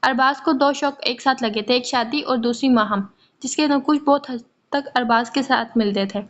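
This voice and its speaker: A woman narrating a romance novel aloud in a steady, expressive reading, in a muffled lo-fi recording. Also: high voice. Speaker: audiobook narrator.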